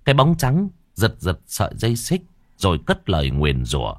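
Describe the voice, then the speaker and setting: A man narrating a ghost story in a dramatic way, slowing down for tense moments. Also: low-pitched, huge pitch swings, no echo. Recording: dry close voice with faint background music.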